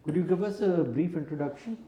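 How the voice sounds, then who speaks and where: A man on an interview panel asking questions in a calm, measured way. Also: a little high, roomy sound, low-quality recording. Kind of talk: formal mock interview questioning.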